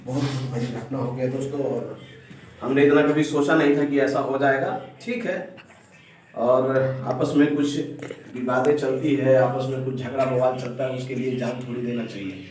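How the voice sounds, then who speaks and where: A man's voice: mid-range voice, steady tone, moderate pace, darkish tone. A man vlogging casually, talking to his viewers and repeating himself as he consoles someone. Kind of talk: casual vlog narration. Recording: echoey and distant, faint noise.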